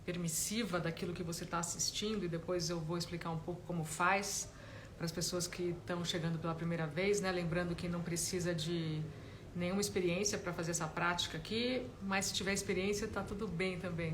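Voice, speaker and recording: A woman, a meditation teacher giving a gentle, explanatory live talk and often tagging her sentences with a question. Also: lowish voice, fairly even intonation, a little fast, slight background noise. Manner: gentle, explanatory, frequent "né?" tags.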